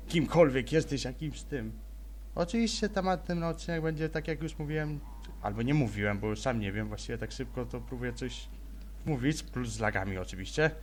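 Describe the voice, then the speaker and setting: A young man giving casual, rambling let's-play commentary, chattering almost without pause as he plays. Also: medium pitch. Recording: faint noise, game sound behind.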